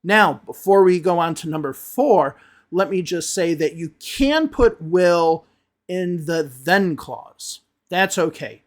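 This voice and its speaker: A man's voice: high-pitched, lively intonation, slow. A man from Chicago with an American accent, teaching an online English lesson with emphatic repetition and frequent "okay?" and "right?" checks. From United States (Chicago). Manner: emphatic, repeats words for stress, asks "okay?" and "right?".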